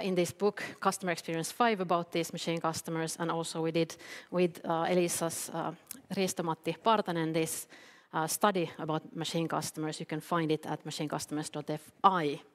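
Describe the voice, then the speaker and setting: A Finnish woman, a company CEO, giving an earnest conference talk with many fillers and restarts. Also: on the low side. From Finland. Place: event hall. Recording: long hall reverb from a public address system.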